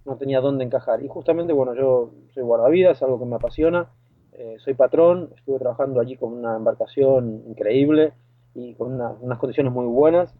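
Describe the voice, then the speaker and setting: A lifeguard and boat skipper from Argentina, with an Argentine Spanish accent, joins a phone interview as a guest and speaks a little fast at medium pitch. He is hesitant, using many fillers and restarts. The phone audio is tinny with no room sound.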